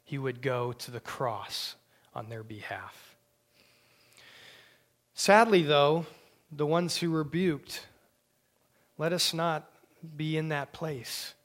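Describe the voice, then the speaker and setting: A man preaching a sermon with emphatic delivery, dropping to hushed near-whispers on key words. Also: on the high side, slow pace. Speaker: pastor.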